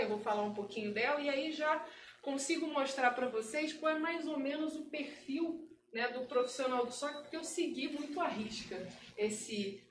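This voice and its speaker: A talkative woman in her forties with a Carioca accent, giving a relaxed tech talk at a meetup. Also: sits high, slight background noise. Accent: Carioca Portuguese. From Rio de Janeiro, Brazil. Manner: chatty, talkative, laughs easily. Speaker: guest speaker. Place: event room at a meetup. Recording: roomy hall from a distant mic.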